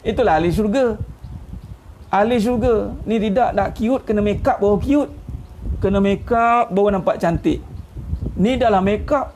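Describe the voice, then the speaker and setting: A man's voice: high voice, darkish tone, slight background noise. A middle-aged man with a Malaysian Malay accent gives an informal religious talk online as an ustaz. He is chatty and teasing, and chuckles at his own jokes. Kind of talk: informal sermon.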